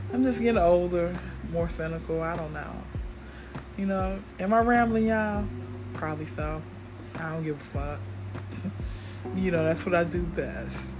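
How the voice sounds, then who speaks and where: A middle-aged American woman giving a casual, rambling solo podcast monologue in a blunt, cynical, freely swearing manner. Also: fairly low pitch. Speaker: podcast host.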